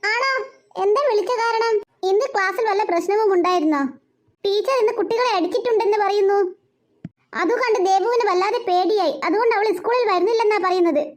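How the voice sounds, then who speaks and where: A woman's voice: very high-pitched, brisk. A woman voicing a patient cartoon mother who coaxes and questions her children. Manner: coaxing, questioning. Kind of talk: cartoon voice acting.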